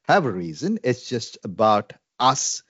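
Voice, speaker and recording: In a lo-fi recording with no room sound, a man from India talks with an Indian English accent. He's a Salvation Army minister in a conversational interview, earnest and reflective and full of fillers. His medium-pitched voice swings widely in pitch, unhurried, fairly bright and slightly rough.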